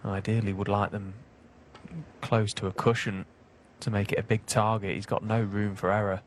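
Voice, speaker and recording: A man giving hushed, measured snooker commentary in an analytical, unhurried, low-key way. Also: level tone. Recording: broadcast with clear background noise.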